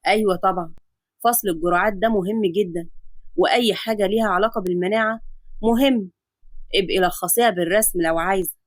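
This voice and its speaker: A woman voicing a young male Egyptian doctor, curt and deadpan with sly teasing. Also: sits high, fast, dry recording, voice pushed down, natural voice. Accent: Egyptian Arabic.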